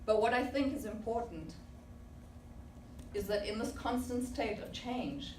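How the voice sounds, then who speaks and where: Her voice sits a little high and she takes her time. She is a South African club speaker in her forties, giving a prepared and reflective speech with many rhetorical questions to an audience in a meeting room, recorded in an echoey room from a distant mic amid background noise.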